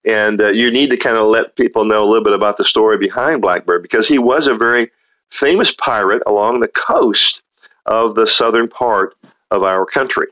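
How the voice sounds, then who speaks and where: A man's voice: on the low side, moderate pace, fairly bright tone, rough recording. A man speaking as the host of a radio-style interview show, introducing and questioning a guest.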